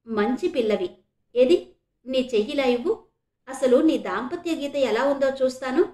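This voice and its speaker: A man's voice: very high-pitched, lively intonation, unhurried, warm tone. Fake holy man, male, sly and threatening, read by a woman storyteller, echoey room, audiobook. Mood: coaxing. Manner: coaxing then threatening.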